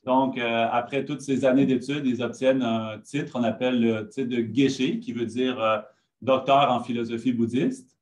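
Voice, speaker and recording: A man's voice: medium pitch, fairly even intonation, normal speed, darkish tone. Friendly man hosting with many fillers. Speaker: host. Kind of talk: introduction.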